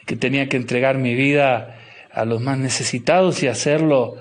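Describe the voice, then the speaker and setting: A middle-aged man with an Argentine accent, a bishop answering interview questions slowly and thoughtfully, with many restarts and fillers. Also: mid-range voice. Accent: Argentine Spanish. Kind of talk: interview guest.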